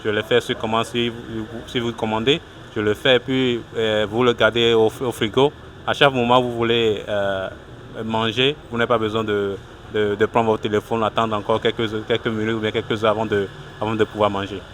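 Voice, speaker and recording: Answering interview questions at an urban street food stall, a Togolese cook who runs a small food business speaks haltingly with frequent restarts. He talks briskly in a level, lowish voice, and slight background noise is present.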